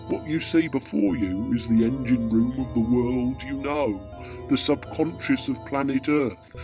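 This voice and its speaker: A man's voice: medium pitch, darkish tone, natural voice. A man playing an immortal, philosophical Santa in a radio pantomime, lofty and sly with blokey asides. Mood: lofty musing. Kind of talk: radio drama pantomime acting.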